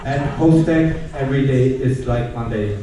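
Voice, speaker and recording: A man's voice: mid-range voice, moderate pace, noisy background. A young man with a German accent, a graduate student giving a playful, teasing, mock-dramatic welcome talk to new students. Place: large lecture hall. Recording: echoey hall from far off.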